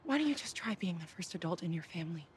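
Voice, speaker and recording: An actress playing a young woman searching for her mother, speaking gently and soothingly over a film score. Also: lowish voice, very animated, quick pace, a little hiss or hum. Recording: film audio with music score.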